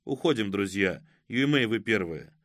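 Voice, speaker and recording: Man doing a calm, level-voiced commander. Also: lowish voice, dry recording, clean studio sound. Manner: level, even, unhurried. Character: calm, composed male former border commander. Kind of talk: audiobook character voice.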